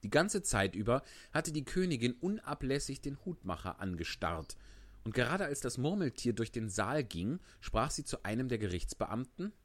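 A man's voice: mid-range voice, very animated, moderate pace, no echo. A man reading a story aloud, narrating it expressively. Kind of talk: audiobook reading.

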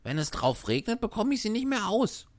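A woman's voice: medium pitch, big pitch swings, fairly quick, no room sound. A woman voicing a teasing, sensible village boy who mocks the puppet's offers. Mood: mocking.

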